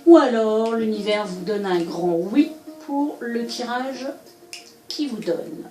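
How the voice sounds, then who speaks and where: A woman doing a solo oracle card reading, musing aloud and pausing often with hesitations as she interprets each card. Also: on the high side, animated, dark tone, reverberant, rough recording. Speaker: card reader. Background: faint background music.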